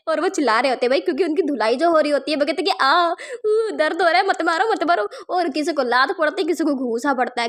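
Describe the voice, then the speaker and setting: A high-pitched woman tells a comic's story in a loose, chatty way. She keeps talking straight to her listeners like friends. She slips into the characters' lines with small shifts of her own voice. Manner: chatty, keeps calling listeners yaar and bhai. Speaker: manhwa recap narrator. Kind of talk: casual story recap narration.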